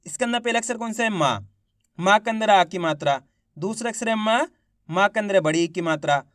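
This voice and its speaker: A man teaching children to read, sounding out each syllable slowly and then drawing out the whole word, while encouraging his viewers. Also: sits high, expressive, fairly bright tone, no echo, clean studio sound. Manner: encouraging, addresses viewers as friends. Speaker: Hindi reading teacher. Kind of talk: online reading lesson.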